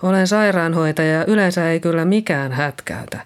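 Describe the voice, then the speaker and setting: A reader voicing Liisa, a nervous middle-aged nurse who found a body and speaks in a hesitant, shaky way. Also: female voice, deep voice, animated, clean tone. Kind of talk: audiobook reading.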